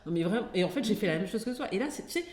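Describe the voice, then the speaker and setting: A woman's voice: mid-range voice, expressive, rapid-fire, darkish tone. A woman host with a French accent in a casual interview, often saying short agreeing words and laughing along with her guest. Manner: frequent backchannel, empathetic, laughs along. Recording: echoey room with faint clicks.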